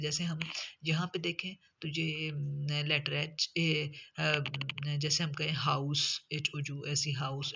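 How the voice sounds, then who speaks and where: A teacher with speech walks through English letter sounds, pausing often on fillers and spelling words out letter by letter. The voice is husky with a gravelly edge. Its tone is bright and tense. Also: medium pitch. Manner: hesitant, many fillers and restarts, spells out words. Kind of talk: spoken lesson on letter sounds.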